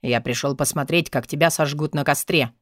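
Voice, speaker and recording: For an audiobook character, a female narrator takes on a brooding rescuer: a deep, gruff, hoarse man who grumbles every word in a menacing near-whisper with dry intimacy. She delivers it at a moderate pace with only light acting, and there's no echo.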